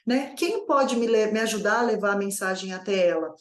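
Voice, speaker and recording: A woman's voice: mid-range voice, brisk, echoey room. A woman coaching new business owners in a conversational lesson, asking herself many rhetorical questions. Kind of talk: online course lesson.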